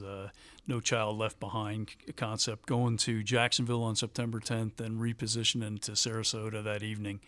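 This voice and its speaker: A man's voice: fairly low pitch, fairly bright tone, dry recording. Middle-aged male pilot guest, chatty anecdotes, dry close recording. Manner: conversational, laughs while telling stories. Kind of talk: anecdotal interview storytelling.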